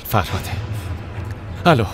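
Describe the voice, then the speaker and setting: A man voicing a prosecutor and father, calmly reassuring his wife and giving orders. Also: over music, lightly acted. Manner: soothing, reassuring, firm. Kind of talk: dubbed TV drama.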